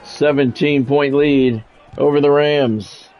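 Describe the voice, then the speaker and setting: This gaming streamer calls a college football video game radio-style, his announcer cadence building on big plays. His voice is fairly high, slow and darkish with fairly even intonation, and he alternates between broadcast calls and chatting with viewers over soft background music.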